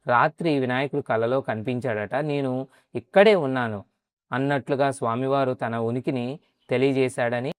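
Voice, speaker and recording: Smooth, dry-voiced male vlogger. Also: mid-range voice, no room sound. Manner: polite, adds a respectful "andi" often while showing the site. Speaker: travel vlogger and temple guide. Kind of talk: narration and casual guided tour.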